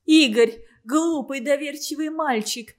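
A woman reading an audiobook, voicing a distraught middle-aged mother who shrieks tearful accusations. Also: measured pace. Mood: hysterical, accusing. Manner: shrill, tearful outbursts.

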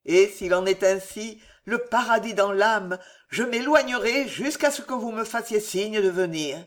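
Guy doing a desperate young nobleman, loud and intense, storybook reading. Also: high-pitched, expressive, unhurried. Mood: passionate. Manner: intense, forceful declamation.

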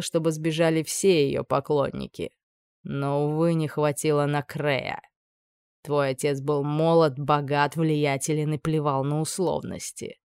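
A woman voicing a scheming, menacing older male judge with a low, insinuating purr. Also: a little mellow, clear, resonant tone, dry recording, studio quality.

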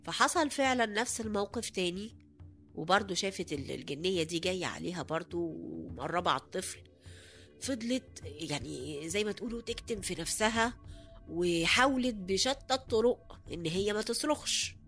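A woman's voice: on the low side, animated, a little fast, fairly bright tone, soft background music. A woman with an Egyptian Arabic accent telling a horror story in a casual, conversational way, with many hesitant fillers and restarts.

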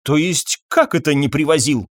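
Man doing a flustered scientist, high-pitched, lively, indignant outbursts, dry close sound. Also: moderate pace, no room sound, lightly acted. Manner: excited, indignant, shrill outbursts. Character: agitated male scientist, middle-aged, easily flustered.

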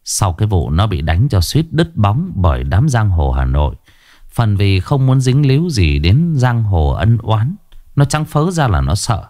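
A man narrating a ghost story in an expressive storytelling voice. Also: fairly low pitch, unhurried, dry recording, clean studio sound.

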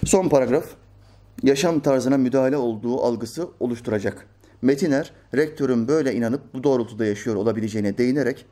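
A man's voice: mid-range voice, dark tone. A man reading out a news article and rebutting it in an emphatic, preacherly commentary full of rhetorical questions. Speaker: religious commentator.

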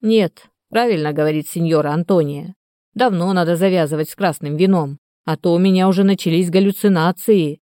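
A woman voicing a hoarse, half-drunk old male canal watchman who grumbles slowly and muses aloud. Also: lowish voice, mellow, no room sound, clean studio sound, natural voice. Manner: grumbling, slow and musing.

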